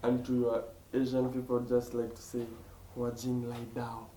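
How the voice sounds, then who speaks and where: A man's voice: mid-range voice, completely flat delivery, moderate pace, dark tone, echoey room. Kenyan guy hosting a chill podcast, kinda far from the mic, faint hiss behind. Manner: laughs often, repeats words when starting. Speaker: podcast host. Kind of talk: casual interview chat.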